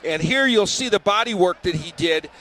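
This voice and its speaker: A man's voice: high voice, lively intonation, moderate pace, bright, forceful tone. A man giving live boxing analysis, explaining the action in a raised voice over the arena. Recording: clear arena noise behind the voice.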